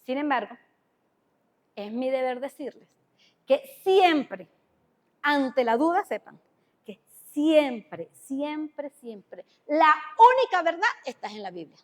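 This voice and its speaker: Woman preacher, venezuelan spanish accent, high voice, long church reverb. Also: very animated, slow pace. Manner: conversational, asks the congregation questions. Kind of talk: sermon. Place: church hall.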